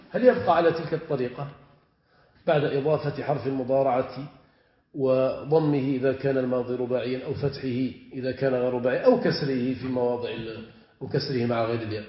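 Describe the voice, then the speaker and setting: A man teaching a grammar lesson to students, stretching out word forms as he stresses them and putting questions to the class. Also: a little high. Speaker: sheikh teaching Arabic morphology. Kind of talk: classroom lecture. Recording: echoey room, dull lo-fi sound.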